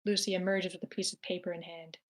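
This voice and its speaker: A woman with a lowish voice rattles through screenplay action lines fast and flatly, narrating stage directions at an amateur table read. Her reading is plain, with a few stumbles.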